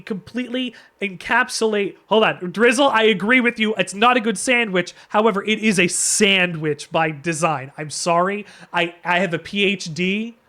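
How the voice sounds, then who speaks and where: A man's voice: high voice, pushed and bright. A man streaming live, ranting jokingly like a mock lecturer, with many stumbles and restarts. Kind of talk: casual chat.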